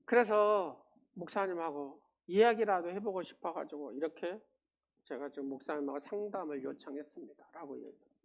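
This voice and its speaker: A man preaching a sermon as a pastor. He drops to quiet murmurs, then climbs to loud, emphatic peaks and puts rhetorical questions to the congregation. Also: a little high, moderate pace, vocal fry, lo-fi sound.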